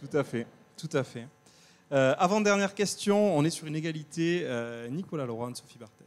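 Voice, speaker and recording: Man hosting a quiz, rather high voice. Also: brisk. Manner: hesitant, many restarts and fillers, joking. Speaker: quiz host of a web TV talk show. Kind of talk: live quiz hosting before an audience. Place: university lecture hall with audience.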